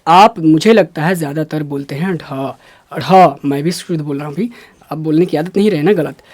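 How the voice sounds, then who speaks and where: A man's voice: on the high side, a little mellow, no echo. Bihari man teaching Hindi sounds, dry mic. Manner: explains step by step, repeating sounds slowly for the learner. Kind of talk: classroom lesson on Hindi pronunciation.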